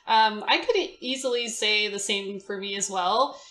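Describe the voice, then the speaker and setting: A young woman from Indonesia, a podcast guest chatting casually in an animated, theatrical way and laughing often. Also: mid-range voice, moderate pace, roomy sound, a little hiss or hum. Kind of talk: casual chat.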